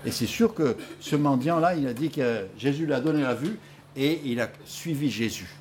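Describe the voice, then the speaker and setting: A man preaching a sermon, telling stories in an animated way with many hesitations. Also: medium pitch, moderate pace, a little hiss or hum.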